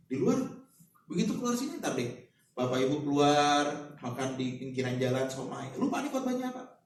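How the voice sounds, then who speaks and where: A man's voice: on the high side, a bit bright, slight background noise. A man preaching a sermon in a casual, joking way, with many rhetorical questions to the congregation. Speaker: pastor. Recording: echoey hall, voice from far off.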